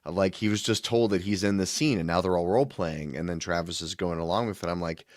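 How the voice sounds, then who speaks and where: Casting: man, very low voice, dry close sound, rambling podcast chat. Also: fast, no echo. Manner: rambling, many fillers and restarts. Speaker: podcast co-host. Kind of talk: casual chat.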